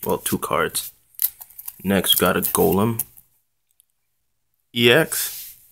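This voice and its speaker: Slow, low-voiced young man, laid-back. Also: creaky, fairly bright tone, slight background noise. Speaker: trading card channel host. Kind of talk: casual unboxing vlog talk.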